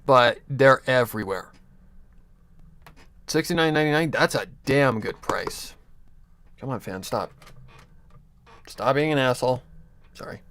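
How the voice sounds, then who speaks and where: A young man chats casually on a livestream from his home computer desk, giving rambling advice full of restarts, chuckles and offhand swearing. His mid-range voice has a fairly bright, clean tone, captured dry on a USB desk mic.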